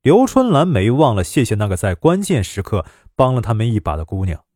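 A man narrating a story in an expressive, dramatic storytelling manner. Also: lowish voice, brisk, no echo, clean studio sound.

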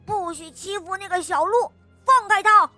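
Woman doing a shy little storybook lion, soft and high, slow, dry close sound. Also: no echo, faint music behind. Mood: bold. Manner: gentle and hesitant, loud when defending friends. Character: small timid lion cub who grows brave. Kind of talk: storybook character voice.

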